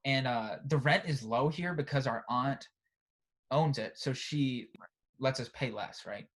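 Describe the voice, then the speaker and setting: A young man co-hosting a podcast, telling a story in a casual, animated way and often tagging "right?" and "bro". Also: mid-range voice, unhurried. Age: young adult. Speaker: podcast co-host. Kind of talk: casual chat.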